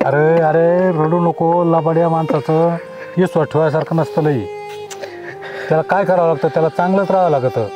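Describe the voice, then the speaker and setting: A calm village elder, played by a man, giving advice in a consoling way. His voice sits a little high. Faint music runs underneath. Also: moderate pace, muffled recording, natural voice. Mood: advising. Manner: advising, consoling.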